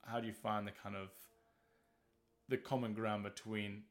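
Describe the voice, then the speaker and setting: A man's voice: on the low side, flat delivery, normal speed. A man co-hosting a podcast, talking frankly and at length with casual swearing. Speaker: podcast co-host.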